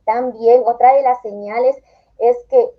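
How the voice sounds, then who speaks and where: Calm explaining woman, dull lo-fi audio. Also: a little high, a little slow. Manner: calm, explanatory, acts out quoted phrases. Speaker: therapist guest. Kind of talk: explanatory interview answers. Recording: dull lo-fi sound.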